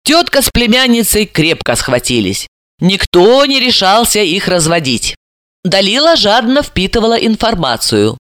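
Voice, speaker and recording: Brief: woman narrator for an audiobook, lively and bright, dry recording. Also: mid-range voice, normal speed, no echo. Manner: expressive storytelling. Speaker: audiobook reader. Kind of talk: scripted narration.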